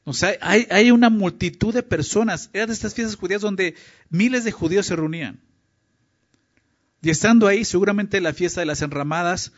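A man's voice: high voice, husky. A man preaching a teaching sermon, often checking in with his listeners with short questions. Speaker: pastor. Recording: dull lo-fi recording.

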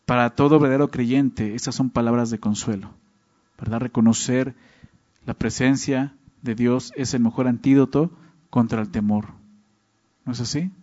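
On a dull lo-fi recording, a man delivers a Bible-teaching sermon in a mid-range, somewhat mellow voice. His style is conversational, and he keeps checking in with his audience using short tags such as "¿no?" and "¿verdad?".

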